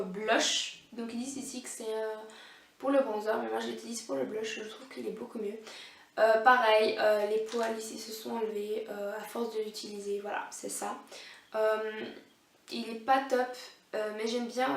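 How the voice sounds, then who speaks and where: With a higher-pitched voice and vocal fry, a young woman vlogging about beauty talks through a review of makeup brushes, stumbling over fillers and restarting often. The room is echoey and she sits a bit far from the microphone.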